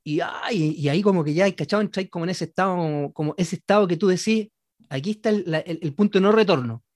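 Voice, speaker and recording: A man's voice: high-pitched, fast talker, no echo, clean studio sound. A married man with a Chilean accent, telling a comic story casually and slangily to friends, acting out quotes and laughing often. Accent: Chilean Spanish. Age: adult, married. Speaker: storyteller in a group chat.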